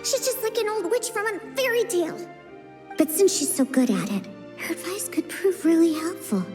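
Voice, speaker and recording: A woman voicing a grumpy, suspicious little girl in a video game, pouty, complaining and very expressive. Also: very high-pitched, normal speed, music in the background. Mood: hesitant, wary. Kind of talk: video game character dialogue.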